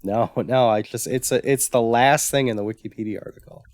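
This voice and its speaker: A man's voice: mid-range voice, fairly quick, a little mellow, no room sound. A man co-hosting a casual retro gaming podcast, easygoing and stumbling over his words. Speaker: podcast co-host. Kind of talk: casual chat.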